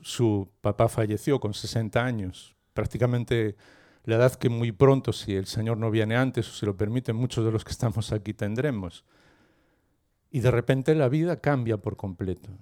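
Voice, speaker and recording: A man's voice: mid-range voice, moderate pace. Middle aged guy from preaching, chatty storyteller, throws questions at the crowd. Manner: lively storyteller who asks the listeners questions. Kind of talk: sermon with storytelling.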